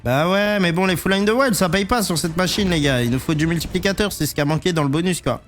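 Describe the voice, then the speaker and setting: Male gambling streamer, fairly high register, slangy pleading banter, light background music. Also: quick pace. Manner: slangy, pleading banter addressed to the game and viewers. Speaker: casino game livestreamer. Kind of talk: casual live gambling stream commentary.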